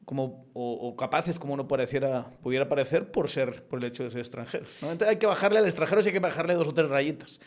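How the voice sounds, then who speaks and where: A middle-aged man from outside Guatemala hosting a casual podcast conversation, talkative and often checking in with a quick question. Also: medium pitch. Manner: talkative, often asks "¿verdad?".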